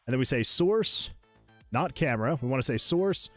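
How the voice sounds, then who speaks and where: A man's voice: medium pitch, animated, moderate pace, dry recording, soft background music. Chatty man streaming game development. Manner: rambling, restarts often while fiddling with software; chatty and self-deprecating, laughs often. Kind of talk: casual livestream chat. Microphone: USB desk microphone.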